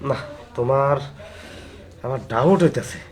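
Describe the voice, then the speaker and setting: A man's voice: medium pitch, a little slow, darkish tone, natural voice. A man playing an old grandfather who has just married a young bride, bossy and suspicious in a comic drama. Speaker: old groom. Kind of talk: comic audio drama acting.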